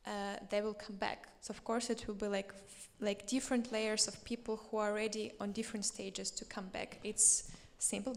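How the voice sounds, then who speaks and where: Hesitant Ukrainian woman, reverberant hall. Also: medium pitch. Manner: hesitant, searching for words. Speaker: panel guest. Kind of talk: panel discussion. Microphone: handheld microphone.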